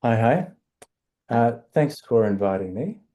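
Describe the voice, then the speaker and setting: A middle-aged man with an Australian accent, speaking as a panelist in an online discussion in a halting, self-deprecating way. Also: medium pitch, animated, dark tone. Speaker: panelist, stove enterprise founder.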